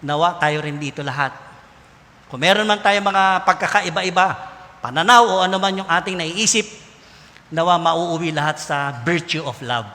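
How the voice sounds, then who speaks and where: High, bright Filipino preacher in a hall. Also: male voice, moderate pace. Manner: mixes English into preaching, animated and conversational. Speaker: pastor. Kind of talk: sermon. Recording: long hall reverb.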